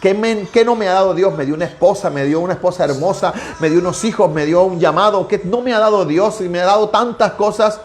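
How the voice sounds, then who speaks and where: A man's voice: high voice, quick pace, few pauses. A man, a pastor preaching a devotional sermon and telling a personal testimony with emphatic repetition. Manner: emphatic storytelling with heavy repetition.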